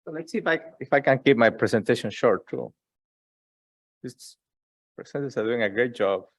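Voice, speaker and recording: A man's voice: mid-range voice, expressive, moderate pace, no echo. Hesitant man presenting at a conference. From Ecuador. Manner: hesitant, many fillers and restarts. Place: conference room.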